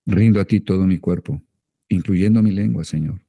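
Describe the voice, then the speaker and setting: Colombian male pastor, very deep gravelly voice, fervent led prayer, slow chanting. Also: mellow, no room sound. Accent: Colombian Spanish. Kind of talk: led prayer and speaking in tongues.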